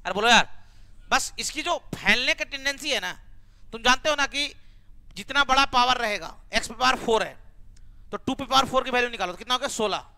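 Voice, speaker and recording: A man's voice: very high voice, brisk, creaky, pushed and bright, clean tone. A man teaching a maths class, coaxing students to answer with repeated rhetorical questions and homely examples.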